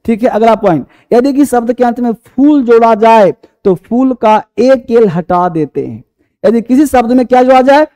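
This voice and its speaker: Here a male English teacher speaks at moderate speed in an extremely high, mellow voice. Quizzing the class and answering for them, he repeats every point and calls his students by fond nicknames.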